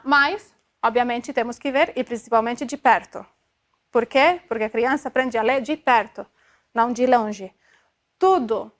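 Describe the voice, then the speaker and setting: High-voiced woman lecturing a class. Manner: explanatory, checks in with frequent tag questions; demonstrative, sounds out syllables to illustrate. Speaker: optometry lecturer.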